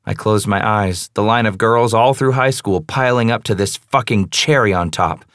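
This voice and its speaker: A young man narrating a first-person audiobook in a hushed, brooding, intimate tone. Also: on the low side, normal speed, no room sound, studio quality.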